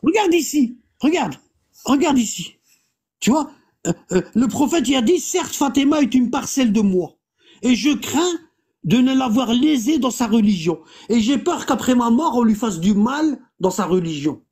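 A speaker leading a casual religious discussion, reading Arabic passages aloud and translating them with many pauses and fillers. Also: medium pitch, lively intonation, darkish tone, husky. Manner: explanatory, halting, many fillers, reads Arabic texts aloud then translates; keeps pointing listener to the text.

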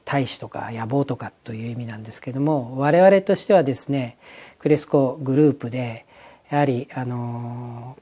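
A man's voice: medium pitch, dark tone, breathy edge. A man, a company executive, answering an interview question in a hesitant way, with frequent filler sounds.

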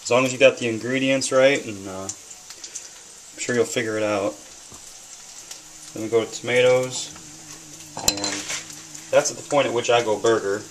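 A man's voice: medium pitch, steady tone, normal speed, long pauses, slight background noise, rough recording. A man in his thirties talking casually to a webcam while cooking in his home kitchen, rambling with lots of ums and swearing freely. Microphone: webcam camera mic.

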